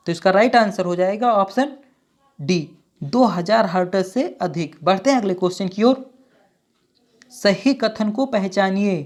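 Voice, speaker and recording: A woman teacher reading out exam questions and options and then giving each answer, with steady, repetitive phrasing. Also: medium pitch. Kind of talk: exam quiz walkthrough.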